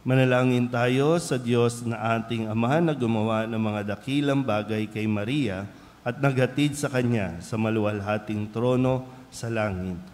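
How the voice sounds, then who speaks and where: Filipino priest in a reverberant church. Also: male voice, medium pitch, a little mellow. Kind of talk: homily and liturgical prayer. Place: large church, amplified.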